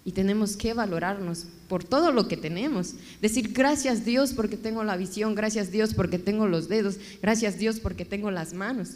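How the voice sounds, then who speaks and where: A woman from Guatemala telling her life story as a guest in an interview, animated and emotional. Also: medium pitch, moderate pace, few pauses. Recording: echoey hall.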